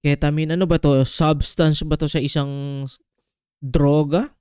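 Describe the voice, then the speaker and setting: A man's voice: fairly high pitch, little pitch movement, a little slow, warm tone, clean tone, no echo, clean studio sound. A man hosting a music reaction video, talking casually and slangily and tossing in "men" between phrases. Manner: slangy, peppers talk with "men" and fillers.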